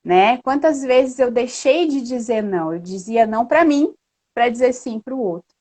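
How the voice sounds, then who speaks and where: A woman guest on a live video call tells personal stories with earnest, lively energy. Her voice sits a little high, and she keeps checking in with her listener. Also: moderate pace. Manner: earnest, lively storytelling with frequent "né?". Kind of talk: casual live chat.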